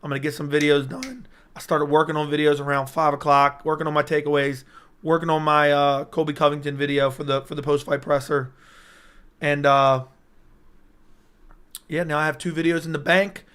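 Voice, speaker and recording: A young MMA YouTuber reads viewer comments during a casual livestream, talking straight to chat through a personal streaming mic in a hyped, rambling way. His voice is fairly high and a bit bright, clear and resonant, with little pitch movement and a moderate pace, though it sounds strained and cuts in and out.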